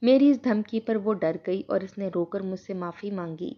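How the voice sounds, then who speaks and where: A woman narrating a first-person moral story in a steady, earnest storytelling tone. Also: mid-range voice, muffled recording.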